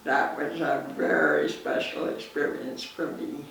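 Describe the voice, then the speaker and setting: A woman in her nineties with a Canadian accent, reminiscing in an interview in a halting way, pausing mid-sentence. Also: extremely low pitch, very animated, a bit bright. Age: 90s. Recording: echoey, distant mic, faint noise.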